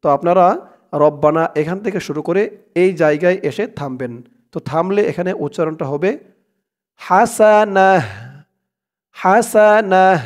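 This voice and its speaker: A man's voice: fairly high pitch, a little mellow. A Bangladeshi-accented man teaching a prayer by spelling it out letter by letter and drawing out the recited words. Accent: Bangladeshi Bengali. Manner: drawn-out chanted recitation between quick explanations. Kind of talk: slow spelled-out recitation lesson.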